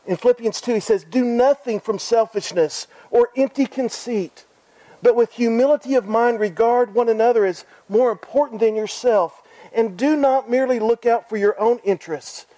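A man with a high, dark-toned voice delivers an earnest sermon, repeating his phrases and asking his listeners direct questions. The recording sounds dry and close, with no room echo.

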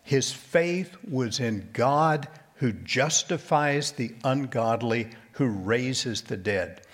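A male pastor delivers a sermon at an unhurried, measured pace. His voice has a slightly husky, breathy edge. He often sinks to a soft, low near-whisper to stress a point. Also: expressive. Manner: slow, deliberate preaching with quiet emphatic drops.

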